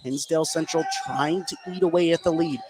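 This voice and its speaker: A male radio announcer with a fairly high voice does play-by-play of a live basketball game from an indoor gym, fairly quick and energetic, tracking the action in short, clipped phrases. Gym noise is clearly heard behind him.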